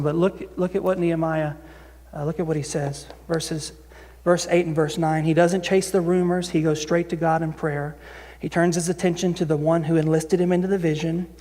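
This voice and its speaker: A man with a high-pitched voice preaches to his congregation in a casual, conversational way, often circling back and restarting his phrases. His voice rings out through the long reverb of a church sanctuary. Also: a little mellow. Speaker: senior pastor. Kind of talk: sermon.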